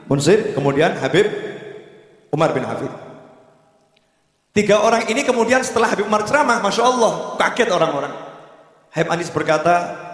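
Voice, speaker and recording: A man preaching a sermon in lively storytelling, rising into exhortation. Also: a little high. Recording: echoey hall with long reverb.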